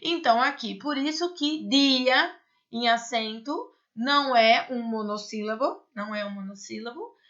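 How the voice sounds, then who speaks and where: In a recorded online class, a Brazilian woman teaches Spanish step by step, explaining patiently, asking rhetorical questions and checking in with her students using "certo?" and "né?". Her voice is fairly high and fairly bright, her delivery unhurried, and the audio dull.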